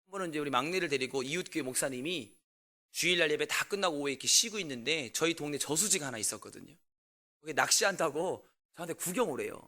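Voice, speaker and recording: A man in his forties, a pastor telling a family story in a sermon and asking the congregation questions, with loud bursts and quiet asides. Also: fairly high pitch, fast. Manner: animated, swings between loud outbursts and quiet asides.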